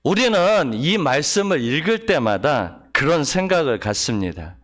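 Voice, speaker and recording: A man preaching a Sunday sermon as pastor, reading scripture solemnly and asking the congregation questions. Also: on the high side. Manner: lively, talks straight to the congregation with questions; reads scripture slowly and solemnly.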